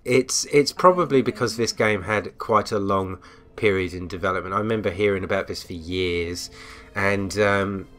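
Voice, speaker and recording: A man talks through a game review in an easy, unscripted way. His voice sits fairly low, and he hesitates often, filling gaps with ums and repeating words as he finds his thoughts. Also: moderate pace, a bit bright, soft background music. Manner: hesitant, frequent ums and restarts. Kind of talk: casual spoken game review.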